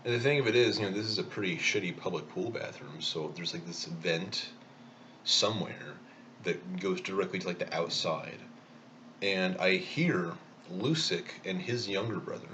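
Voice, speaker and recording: A man's voice: deep voice, moderate pace, a bit bright, a little hiss or hum. A man telling a rambling, self-mocking story in a casual vlog while eating. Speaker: vlogger.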